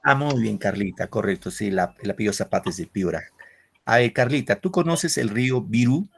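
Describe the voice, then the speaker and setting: A man's voice: fairly low pitch, lively intonation, brisk, creaky, noisy background. A man teaching an online literature class, explaining step by step and often checking in with his students.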